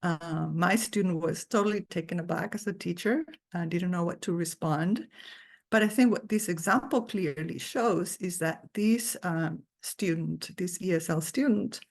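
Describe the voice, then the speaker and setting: A woman's voice: on the low side, vocal fry. A woman guest lecturer giving an earnest, thoughtful academic talk over a video call.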